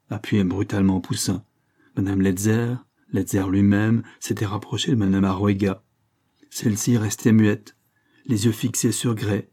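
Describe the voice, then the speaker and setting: Husky, dark-voiced male narrator. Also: fairly low pitch. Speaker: audiobook narrator. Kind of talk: scripted narration.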